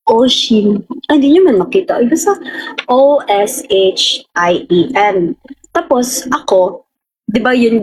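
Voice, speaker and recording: A woman's voice: a little high, darkish tone, slightly rough, poor audio. A young woman with a Filipino accent, chatting casually on a livestream and rambling as she answers viewers' comments. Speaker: livestream host.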